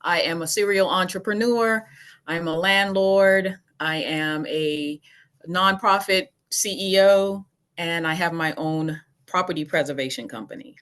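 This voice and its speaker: A woman from the Bahamas, a podcast guest explaining things in a relaxed, matter-of-fact way. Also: fairly low pitch, a little slow. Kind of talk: casual interview.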